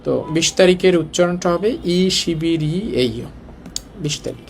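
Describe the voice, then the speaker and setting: A man's voice: fairly high pitch, moderate pace, a little hiss or hum. Man teaching Korean in colloquial Bengali. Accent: Bangladeshi Bengali, colloquial Dhaka speech. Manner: explains step by step, asks the class rhetorical questions. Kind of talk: casual classroom explanation.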